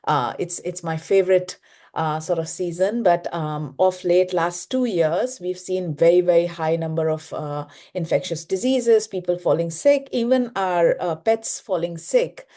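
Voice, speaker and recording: A woman's voice: lowish voice, unhurried, warm tone. A woman from South India, giving hesitant panel remarks on a video call, full of fillers.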